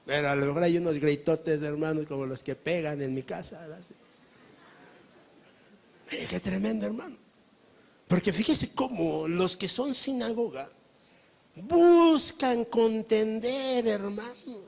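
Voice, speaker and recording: Mexican male pastor, emphatic sermon delivery, high-pitched and unhurried, keeps calling on his brothers. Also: creaky, darkish tone. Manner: emphatic preaching, often calling listeners brother; asks the congregation rhetorical questions.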